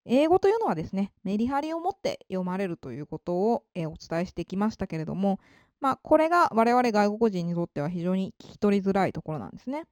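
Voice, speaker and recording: A woman giving a polite, explanatory spoken lesson on English, slowing down to read out example sentences. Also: medium pitch, big pitch swings, dry recording, clean studio sound. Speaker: English teacher.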